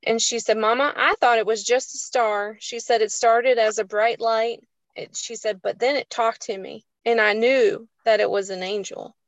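A woman's voice: on the high side, fairly even intonation, moderate pace, no echo, lo-fi sound. A woman, earnestly telling a personal story in a casual faith chat. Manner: earnest, emotional storytelling, folksy. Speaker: co-host of a faith show.

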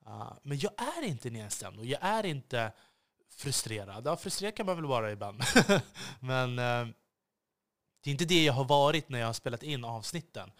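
A man talks through a solo podcast episode with real intensity, and his delivery can turn biting. He hesitates and restarts often, filling gaps with drawn-out "eh" sounds. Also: mid-range voice, expressive, a bit bright. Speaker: podcast host.

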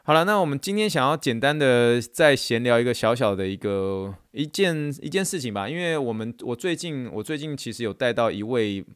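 Fast-talking man. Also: mid-range voice, clear, resonant tone, dry recording, clean studio sound. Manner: animated storyteller who acts out quotes. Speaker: podcast host and therapist. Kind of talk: casual chat monologue.

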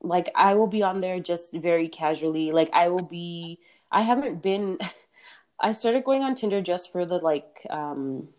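A woman's voice: on the low side, measured pace, darkish tone. A young woman co-hosting a podcast, talking candidly in casual chat, swearing freely and laughing often. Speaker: podcast co-host.

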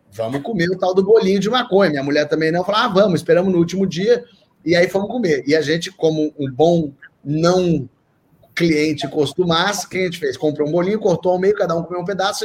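A man telling a comic anecdote in an animated way, often repeating and restarting words. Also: a little high, fast talker, slight background noise. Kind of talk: comic storytelling.

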